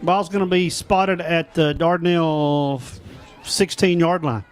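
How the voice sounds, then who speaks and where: A man calling a high school football game play by play, in a folksy, measured way. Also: fairly even intonation, clear, resonant tone. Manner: folksy, measured, calls down and distance. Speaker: play-by-play announcer.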